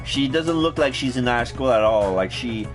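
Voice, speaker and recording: A man's voice: mid-range voice, lively intonation, normal speed, over music. A man giving casual, hesitant video game commentary, often groping for words as he explains characters. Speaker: game streamer.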